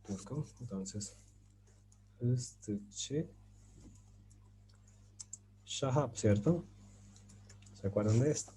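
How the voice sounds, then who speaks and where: A man's voice: mid-range voice, extremely slow, long pauses, mellow, slight background noise. A man giving an online grammar lesson, explaining patiently with many fillers and asking his students if they follow. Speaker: Turkish teacher.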